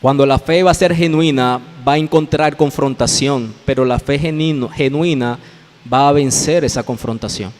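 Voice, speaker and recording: A man's voice: medium pitch, moderate pace, a little mellow. A man with a Colombian accent preaching a sermon as pastor, explaining the text and addressing listeners directly, repeating phrases for emphasis. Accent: Colombian Spanish. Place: church hall. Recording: long reverb of a church hall.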